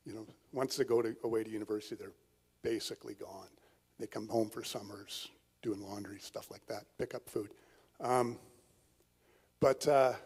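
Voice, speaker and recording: A middle-aged or older man giving informal, reflective personal testimony in a halting way. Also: mid-range voice, darkish tone, husky, long reverb tail. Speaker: husband and father on a marriage panel.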